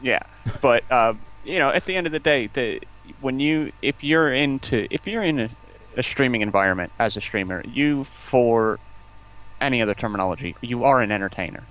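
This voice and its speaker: Expressive and a bit bright, the man's medium-pitched voice keeps a normal pace on a low-quality recording. Invited onto a stream as a community outreach representative, he rambles enthusiastically through long explanations in a relaxed interview about game streaming.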